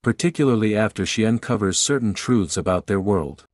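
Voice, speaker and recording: A man's voice: fairly low pitch, fairly quick. A man hosting a video and reading scripted narration.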